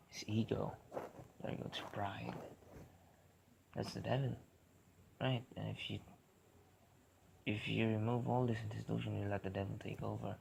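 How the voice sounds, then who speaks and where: A man delivering a casual, rambling philosophical monologue, halting and often repeating or interrupting himself. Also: lowish voice, gravelly. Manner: halting, repetitive, self-interrupting. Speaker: vlogger. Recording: noisy recording with clicks.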